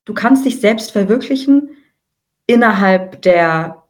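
A woman in her twenties co-hosting a podcast, talking in a relaxed, reflective way and explaining ideas at length. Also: medium pitch, takes it slowly. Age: 20s. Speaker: podcast co-host. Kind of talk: casual podcast conversation.

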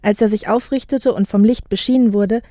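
A woman reading a literary text aloud in a steady, measured way. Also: mid-range voice, no room sound, clean studio sound. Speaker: guest and reader.

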